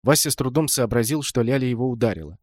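A man's voice: mid-range voice, expressive, fast, darkish tone, dry recording. Man narrating a story, dry close sound. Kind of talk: scripted audiobook narration.

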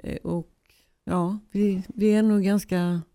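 A woman's voice: medium pitch, fairly even intonation, dark tone, dry recording. A woman, a choir singer and guest in a casual interview, hesitant at first and then enthusiastic.

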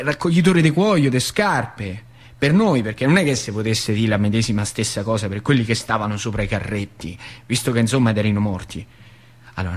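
This stage actor, with a slightly rough mid-range voice, takes on the role of an aged factory worker from the working class, speaking in a central Italian accent of northern Lazio. The theatrical monologue wanders as he reminisces and confides, carrying a wry, confiding mood.

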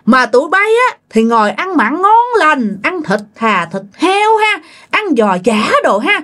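A woman puts on a furious ghost of a dead husband, ranting at his family. The voice is pushed well above a speaking woman's range and stays loud and scolding, lines snapping out in demands and threats. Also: high-pitched, sing-song, unhurried, voice pushed up, heavily acted.

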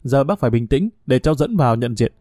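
A man's voice: mid-range voice, lively intonation, fast talker, mellow, no room sound, clean studio sound, natural voice. A man reading the lines of a firm young female emergency doctor in an audiobook story. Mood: calm, soothing. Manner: urgent, commanding.

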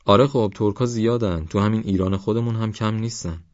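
A mild, polite young man answers in an easygoing, agreeable way, as an audiobook narrator puts him on. The voice is low-set, close and dry, with slightly dull sound. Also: darkish tone, no echo, lightly acted.

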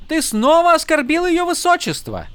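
A sharp, worldly woman con artist, as a male narrator puts her on in an audiobook, brisk and scolding. Her voice sits high above his own and swings widely. The recording is close and dry. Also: wildly swooping pitch, dry recording, heavily acted. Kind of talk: audiobook character voice.

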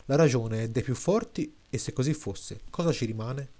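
A man's voice: mid-range voice, normal speed, warm tone, lightly acted. A man voicing a quarrelsome village woman from a chaotic land, speaking argumentatively. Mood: arguing.

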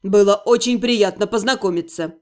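A woman's voice: medium pitch, normal speed, pitched below the performer's own voice, close to an everyday voice. A woman voicing a charming, courteous young nobleman in an audiobook.

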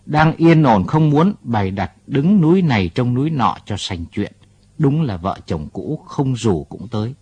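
A man voicing a sharp-tongued young wife who scolds. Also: mid-range voice, very animated, a little slow, breathy edge. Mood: scolding. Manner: scolding, reproachful.

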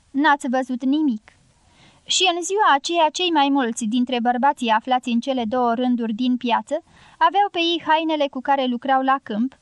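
A woman narrating a literary audiobook in a steady, measured first-person reading. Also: sits high, dry recording.

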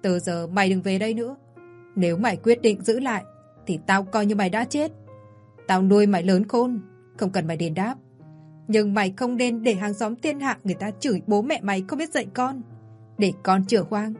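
A woman's voice: mid-range voice, a little fast, darkish tone, soft background music, close to an everyday voice. A woman voicing a harsh, unforgiving mother. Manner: scolding, cold. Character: harsh stern middle-aged mother, unforgiving.

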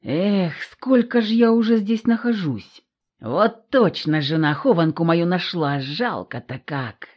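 A woman voicing a bass-voiced village man in an audiobook. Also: expressive, a little slow, husky, lo-fi sound. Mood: rueful. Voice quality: deep, bassy. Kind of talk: audiobook character voice.

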